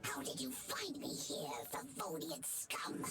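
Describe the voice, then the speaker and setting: A woman voicing a theatrical female enemy agent held captive in a video game, with a breathy, drawn-out delivery. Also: low-pitched, big pitch swings, in a whisper, over music, exaggerated voice. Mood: scornful, defiant.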